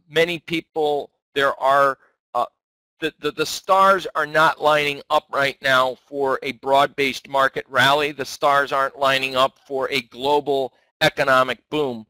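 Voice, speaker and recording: Bright-voiced man giving market commentary. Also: mid-range voice, level tone, a little slow, dry recording, rough recording. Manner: conversational, self-correcting. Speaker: market analyst.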